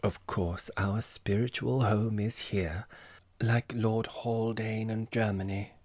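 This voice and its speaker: A man's voice: lowish voice, fairly even intonation, slow pace, darkish tone, no echo. A man voicing an affected, self-important society woman in an audiobook, with airy, theatrical phrasing and Italian endearments. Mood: grandiose. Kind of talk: audiobook character voice.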